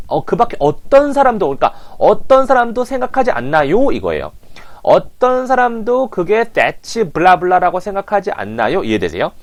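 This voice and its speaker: A man teaching English as a coach, animatedly prompting listeners to repeat phrases, on a lapel mic. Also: on the high side. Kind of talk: language lesson.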